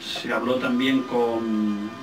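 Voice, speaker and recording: An older man with an accent from Spain reminisces casually in an interview. His mid-pitched voice sounds distant in an echoing room, and he pauses to search for words, repeating some for emphasis. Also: flat delivery. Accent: Spanish, from Spain. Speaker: film director being interviewed. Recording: roomy, distant microphone, faint music.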